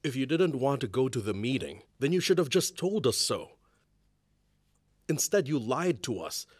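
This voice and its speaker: A man playing a husky firm young husband. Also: medium pitch, big pitch swings, normal speed, darkish tone, no echo. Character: young husband, calm son. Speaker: dub actor. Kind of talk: drama dub.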